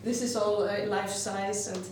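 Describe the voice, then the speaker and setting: Reflecting on her glass pieces, an Icelandic artist speaks at a measured pace in a steady, slightly mellow mid-range voice, frequently stopping to find words. The recording has a distant mic, heavy room sound, and background noise.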